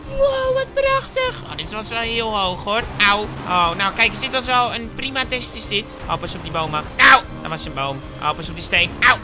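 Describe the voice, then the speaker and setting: A man's voice: high voice, natural voice. A man voicing a goofy, cheerful male gamer character who chats to viewers during gameplay commentary, with game music playing behind. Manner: chatty, talks to viewers, squeals when excited. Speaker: gaming YouTuber.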